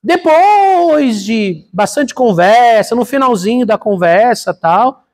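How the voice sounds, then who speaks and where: Middle-aged male Brazilian pastor, high husky voice, chatty sermon delivery. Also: lively intonation, slow. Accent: Brazilian Portuguese. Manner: conversational, addresses congregation as brothers. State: congested from a cold. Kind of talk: sermon with personal story.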